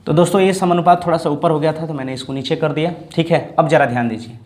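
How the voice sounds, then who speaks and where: A male math teacher giving a board lesson, repeating each term slowly and checking in with his students. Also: a little high, fairly even intonation, darkish tone. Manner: repeats terms slowly, checks in with "ठीक ना" and "दोस्तों".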